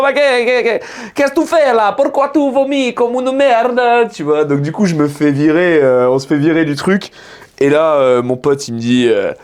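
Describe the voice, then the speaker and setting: A young man from France telling rowdy stories in slangy casual chat, acting out the voices of the people he quotes. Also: a little high. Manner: animated storytelling, slangy, acts out quoted voices. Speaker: podcast guest telling stories.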